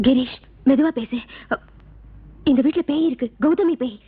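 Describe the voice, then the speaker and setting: An actress playing a guilt-ridden, frightened young wife who pleads through sobs. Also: female voice, sits high, moderate pace, close to an everyday voice. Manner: sobbing, pleading. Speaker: film actress. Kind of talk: 1980s film acting. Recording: tinny lo-fi film soundtrack with music.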